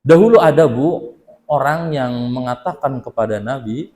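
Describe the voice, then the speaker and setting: A man's voice: medium pitch, animated, moderate pace, a little mellow. A male preacher teaching scripture to a women's study group, asking rhetorical questions and answering them himself, repeating key points. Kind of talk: religious lecture on scripture.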